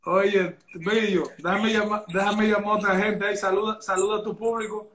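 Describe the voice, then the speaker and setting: A man's voice: sits high, flat delivery, normal speed, a bit bright, a little hiss or hum. A man hosting a casual live chat, cutting in often to question his guest. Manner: keeps interrupting to question the guest. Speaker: host.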